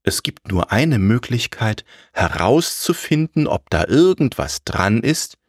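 A man voicing a cheerful, curious little tailor in a storybook tale, talking in a bright, lively, friendly way. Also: medium pitch, a little slow, breathy edge, pitched above the performer's own voice.

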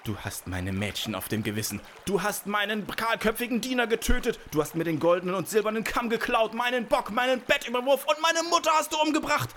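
A man voicing a huge, vengeful male giant in a spoken fairy tale, with a low brooding tone that turns into roaring fury. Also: normal speed, a little hiss or hum, close to an everyday voice. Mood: furious. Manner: low and brooding when calm, roaring when enraged.

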